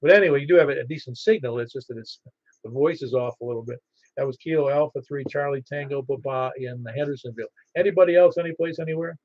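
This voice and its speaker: A man acting as net controller on amateur radio, calling for check-ins haltingly and repeating call signs in phonetics. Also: medium pitch, darkish tone. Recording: dull, band-limited ham radio audio.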